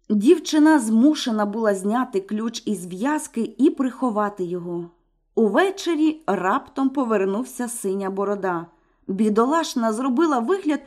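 A woman narrating a fairy tale in an even, expressive read-aloud manner. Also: on the high side. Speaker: storyteller.

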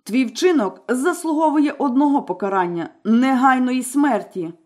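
A woman's voice: high voice, expressive, normal speed, a little mellow. A woman voicing a cruel, domineering husband who barks threats at his wife in a fairy tale. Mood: menacing. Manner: threatening, barking commands. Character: menacing wealthy husband, cruel, domineering man. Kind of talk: storybook character voice.

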